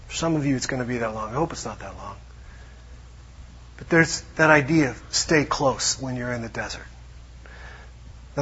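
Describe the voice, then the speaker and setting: Male pastor, sermon delivery, husky and slightly high voice, dull lo-fi sound. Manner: conversational, drops to hushed tones for emphasis.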